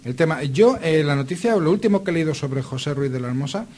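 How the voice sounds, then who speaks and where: A man from La Mancha, Spain, a radio panelist who talks haltingly and repeats words as he searches for them. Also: a little high, animated, mellow.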